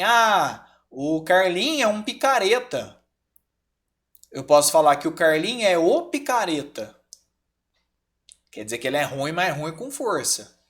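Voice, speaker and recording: Brazilian guy teaching grammar on a video call, voice goes way up and down, keeps asking "certo?". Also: a little high. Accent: Brazilian Portuguese. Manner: lively, checks in often with "certo?" and "tá?". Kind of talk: online grammar class.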